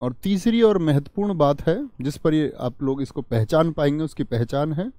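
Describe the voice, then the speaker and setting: A man's voice: on the high side, moderate pace, mellow, no echo. A man teaching Hindi grammar in a live online class with a north Indian Hindi accent. He repeats key phrases to drive them home and answers viewer comments.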